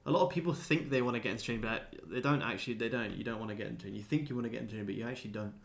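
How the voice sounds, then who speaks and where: A man in his twenties, a day trader hosting a livestream, fires off replies to viewers at a rapid-fire clip in a medium-pitched voice. His manner is easygoing, blokey and sweary.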